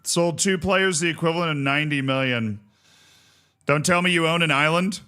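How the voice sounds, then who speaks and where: A man hosting a casual gaming livestream, chatting playfully with viewers and giving exclamatory, jokey shout-outs. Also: fairly high pitch, moderate pace, smooth. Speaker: live streamer host.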